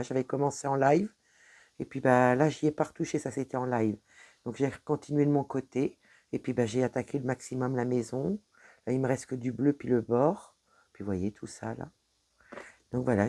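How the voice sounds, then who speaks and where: A woman's voice: rumbling low, mellow. A woman with a French accent chatting casually at her home desk, rambling and stumbling over her words as she shows her cross-stitch progress. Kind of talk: casual show-and-tell vlog.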